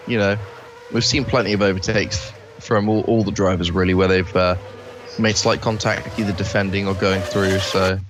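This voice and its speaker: A man co-commentating a sim race, laid-back, teasing and sweary. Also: lowish voice. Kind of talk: casual sim-racing commentary. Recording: music playing behind.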